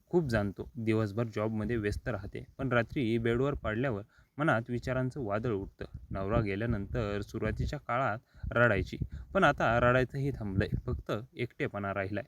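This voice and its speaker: A man voicing a lonely, gentle widowed aunt in a quiet, wistful confiding tone, in his own plain reading voice. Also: medium pitch, moderate pace, slight background noise, natural voice.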